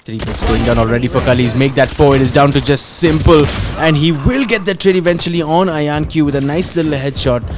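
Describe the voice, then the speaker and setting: A man's voice: fairly high pitch, brisk, few pauses, background noise. A man with an Indian English accent casting an esports tournament, chatty and analytical, laughing now and then. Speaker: esports caster. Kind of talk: play-by-play commentary.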